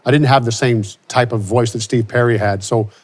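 Steady in tone, brisk, and medium in pitch, a forties-aged country singer from Louisiana gives an interview. He's on a studio set with a starry backdrop, wearing a lapel mic, and he thinks out loud with frequent restarts.

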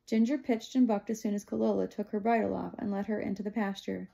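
Brief: woman audiobook reader, dark and gravelly, plain steady storytelling. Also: medium pitch, quick pace. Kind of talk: first-person novel narration.

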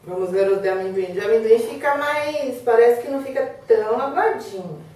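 A woman hosting a cooking demonstration, chatting with viewers and giving her helper quick asides. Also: a little high, animated, darkish tone, a little hiss or hum. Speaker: cooking show host. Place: kitchen. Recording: echoey room, mic far off.

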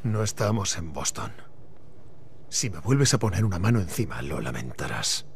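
A man's voice: low voice, sing-song, moderate pace, creaky, slight background noise, exaggerated voice. A man voicing a tough younger brother who leads a settlement, firm and resentful. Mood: bitter. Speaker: game character.

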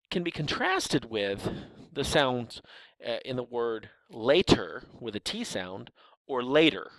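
A man's voice: medium pitch, fairly bright tone, no room sound, poor audio. A man from the American South giving a linguistics lecture, explaining patiently and drawing out example words.

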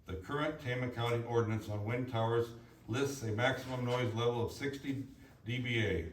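At a public meeting, a man reads out prepared written remarks at a moderate pace in a mid-range voice. The echoey hearing room indoors is picked up by a far-off mic, along with some faint noise.

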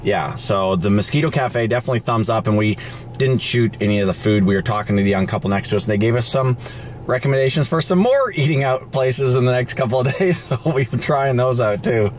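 This is casual vlog narration from a middle-aged RV traveler who chats brightly to the handheld camera he holds at arm's length while touring a town on foot and in his car. He speaks in a mid-range voice, animated and fairly quick. The background carries noisy street and car ambience.

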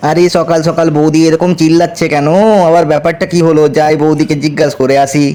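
A man's voice: on the high side, level tone, quick pace, a little mellow, natural voice. A man voicing a timid young man in a doll cartoon who is scared of snakes and begs his sister-in-law to handle things. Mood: puzzled. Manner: whiny, begging.

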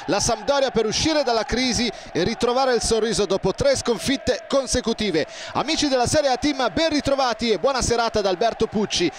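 A man commentating on football in breathless, excited goal-call style, shouting and stretching out his words. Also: very high voice, brisk. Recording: crowd roar and stadium noise behind. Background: loud stadium crowd.

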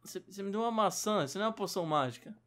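A young Brazilian man with a high voice rattles off excited Minecraft let's-play chatter at a rapid clip. He turns frantic and shouty whenever a fight heats up. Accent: Brazilian Portuguese. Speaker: gaming YouTuber host.

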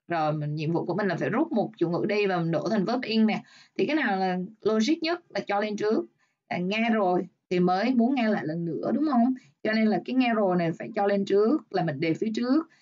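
A woman teacher with a Vietnamese accent goes through English exam answers one by one. She reads the example sentences slowly and explains each step. Her voice sits at a middle pitch, and the recording sounds slightly dull. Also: a little mellow. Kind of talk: exam review lesson.

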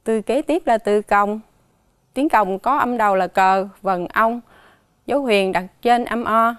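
Woman teacher with a Southern Vietnamese accent, fairly high voice, slow and careful as she spells out sounds for children, dry close recording. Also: clear, resonant tone, no room sound. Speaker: primary school teacher. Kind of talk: dictation lesson for children.

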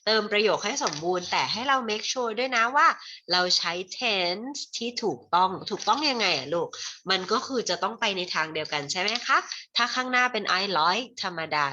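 In a muffled recording, a woman with a fairly low, sharp voice and a Thai accent teaches English to children online. She shifts between Thai and slow English spelled out carefully, addressing viewers as "child."

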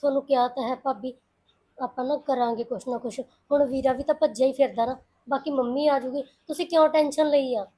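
An actress playing a caring young woman who calmly reassures and comforts. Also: high-pitched, a little fast, rough recording. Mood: reassuring. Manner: soothing, reassuring. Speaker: young sister-in-law. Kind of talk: Punjabi web-series acting.

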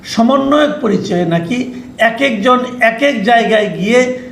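Man, political commentary, measured explanatory delivery, high voice, roomy echo. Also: gravelly. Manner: measured, explanatory, reads out quotes. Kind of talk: online news commentary.

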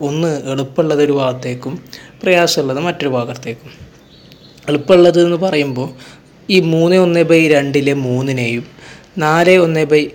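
A man teaching a math lesson, who asks questions and answers them himself as he works through each step. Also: a little high. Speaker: exam coaching teacher.

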